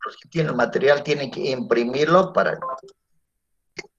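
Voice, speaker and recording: A man's voice: medium pitch, normal speed, a little hiss or hum. A male teacher giving a classroom lecture, often checking in with his students through tag questions. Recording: dull lo-fi classroom recording.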